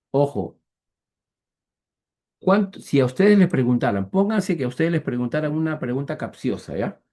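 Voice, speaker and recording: A man teaching an online math class on a video call. He speaks patiently, checks often that students follow, and counts through examples slowly, step by step. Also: medium pitch, mellow. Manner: patient, repetitive, checks understanding with "¿ya?"; slow, deliberate step-by-step counting.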